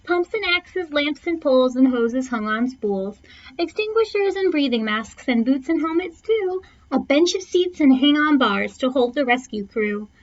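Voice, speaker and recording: A woman reads rhyming verse from a children's picture book in a high, expressive voice, taking her time. Her theatrical phrasing stretches and punches the key words, though the lo-fi audio sounds dull.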